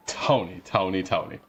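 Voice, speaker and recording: Low-voiced guy on a dull lo-fi mic. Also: slightly rough. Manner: relaxed, teasing, swears casually. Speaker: streamer host. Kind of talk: casual chat on a live stream. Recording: dull lo-fi with crowd noise.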